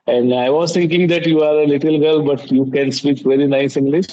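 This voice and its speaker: A man's voice: fairly high pitch, steady tone, a little fast, mellow, a little hiss or hum. A middle-aged man chatting casually in non-native English phrasing, often repeating his phrases. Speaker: guest in an English practice conversation. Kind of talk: casual chat. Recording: dull lo-fi call audio.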